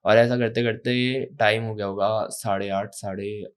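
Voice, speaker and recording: A man's voice: lowish voice, fairly even intonation, a little slow, clean tone. A young man in casual conversation, recounting a personal story in a rambling way and often calling his listener brother. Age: young adult. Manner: rambling, addresses listener as bhai. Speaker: guest storyteller.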